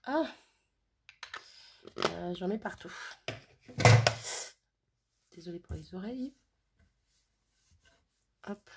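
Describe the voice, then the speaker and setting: A woman's voice: fairly low pitch, lively intonation, drawn-out words, long pauses, very noisy. A mother chatting casually as she makes a card at home, thinking aloud while she works. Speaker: crafting vlogger. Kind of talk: casual crafting tutorial chat. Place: home craft table on a sunny day.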